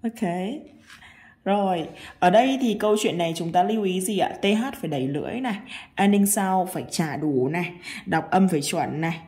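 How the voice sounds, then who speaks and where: A woman teacher with a Vietnamese accent, reading a picture book aloud slowly and coaching pronunciation, with soft whispered repeats. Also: on the low side. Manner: slow, drawn-out reading with soft whispered echoes. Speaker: English teacher.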